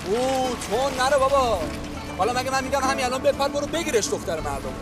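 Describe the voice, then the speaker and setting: A pushy, ambitious young schemer who keeps nudging and teasing his friend, in a high, bright register. He talks in an insistent, wheedling way. Loud music plays under him. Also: lively intonation. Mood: coaxing. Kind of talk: period TV drama acting.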